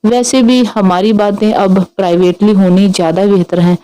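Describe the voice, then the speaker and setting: A woman's voice: medium pitch, fairly even intonation, moderate pace, dark tone, natural voice, rough recording. A woman voicing a jealous young man who hides his resentment behind forced politeness. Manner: forced politeness with veiled threats.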